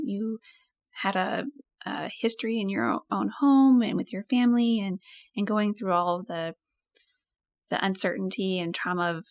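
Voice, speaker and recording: A woman's voice: medium pitch, a little mellow, no echo. A woman working as a podcast host, presenting the show and interviewing a guest. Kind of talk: scripted show introduction and interview hosting.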